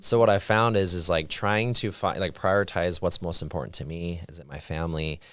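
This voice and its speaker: A man's voice: deep voice, fairly even intonation, fairly quick, a bit bright, no room sound, clean studio sound. A man in his thirties, a plastic surgeon guest, chatting casually with many fillers. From Utah, raised partly in Saudi Arabia. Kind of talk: casual interview chat.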